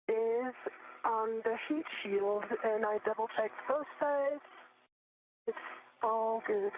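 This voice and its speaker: A female astronaut on a spacewalk, giving brief, matter-of-fact status reports over a radio loop. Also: a little high. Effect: heard over a space-to-ground radio loop. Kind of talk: procedural radio comm check. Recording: tinny radio link with faint static.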